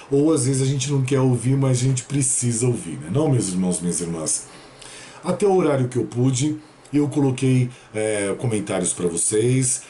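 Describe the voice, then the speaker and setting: A man's voice: medium pitch, a little hiss or hum. A man with a Brazilian Portuguese accent giving a casual tarot reading to his viewers and addressing them in a familiar way. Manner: warm, familiar address with frequent "né?" and "tá bom?". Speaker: tarot reader.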